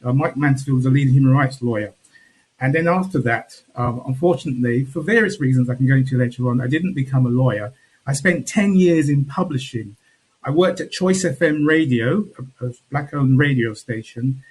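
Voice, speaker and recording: A man on a video call, introducing himself as a panellist in a measured way with pauses and restarts. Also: mid-range voice, a little mellow, breathy edge, low-quality recording. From England.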